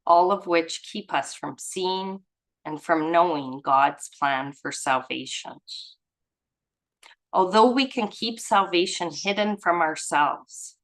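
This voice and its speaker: In a deep voice on a rough recording, a study group leader reads passages aloud. She breaks in casually with informal, effusive commentary of her own, musing as she goes.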